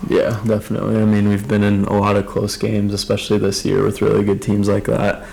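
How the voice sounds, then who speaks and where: Young man, college linebacker, from Arizona, very flat, gravelly, lowish, polite. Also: fairly quick, rough recording. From Phoenix, Arizona. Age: 20s. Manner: polite, says yes sir. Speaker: college football player. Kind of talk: casual interview.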